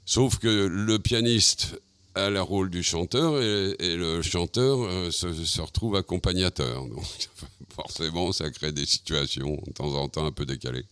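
Male actor guest, very low voice, close and dry, easygoing and thoughtful. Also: measured pace, fairly bright tone, clean tone, no echo. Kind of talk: casual radio interview chat.

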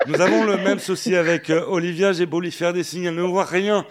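A man's voice: high-pitched, steady tone, a little fast. A man hosting a radio talk show, teasing his guest in a loose, playful chat. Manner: playful, teasing, many fillers.

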